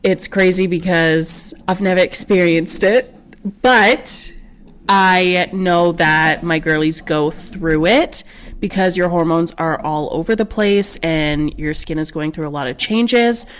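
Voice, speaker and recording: A woman's voice: lowish voice, slow pace, clean tone. A young woman co-hosting an esthetician podcast, chatting and explaining skincare in plain terms. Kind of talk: casual podcast chat.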